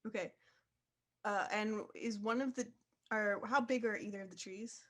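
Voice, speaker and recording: A woman's voice: mid-range voice, fairly even intonation, normal speed, a bit bright. Dry-humored woman playing a tabletop game. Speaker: player.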